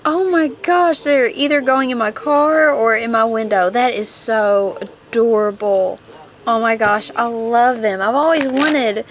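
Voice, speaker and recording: A young woman opening presents at home on her vlog, gushing and gasping with excitement. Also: on the high side, unhurried, a little hiss or hum. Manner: gushing, excitable, frequent gasps and exclamations. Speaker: vlogger. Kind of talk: casual unboxing vlog. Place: at home, with a TV on in the background. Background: paper crinkling.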